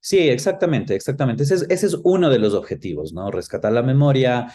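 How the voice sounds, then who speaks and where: With a mellow, medium-pitched voice, lively intonation, and a brisk pace, a man with an Ecuadorian accent reflects as an interview guest. A film professional, he shares personal recollections and explains them conversationally.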